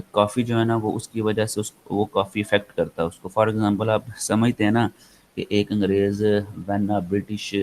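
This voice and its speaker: A man's voice: on the low side, darkish tone, low-quality recording. A man with a Pakistani accent giving an online lecture, rambling with many fillers and slipping into English. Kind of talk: online lecture, casual explaining.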